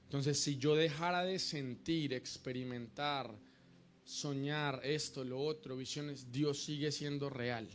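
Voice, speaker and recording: A man's voice: medium pitch, steady tone, takes it slowly. A middle-aged man preaching a sermon, teaching in short repeated phrases and calling the congregation to repeat after him.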